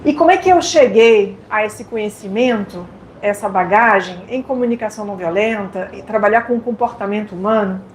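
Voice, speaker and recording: A woman's voice: mid-range voice, a little fast. A French woman with a French accent giving a live lecture, talking directly and playfully and putting questions to her audience. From France. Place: lecture hall. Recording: echoey hall with faint noise.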